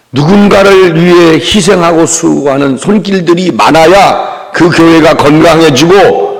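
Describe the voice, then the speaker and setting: A man's voice: on the high side, vocal fry. A man preaching a revival sermon in a church sanctuary, calling for amens and acting out the people he describes. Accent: Korean. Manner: call-and-response preaching with mimicry. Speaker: pastor. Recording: long reverb of a church hall.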